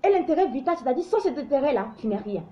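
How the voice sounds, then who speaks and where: A woman's voice: high voice, big pitch swings, fast, warm tone, lo-fi sound, a little hiss or hum. A woman from Africa hosting a live show, giving opinionated commentary in an emphatic, preachy way that often stumbles and restarts.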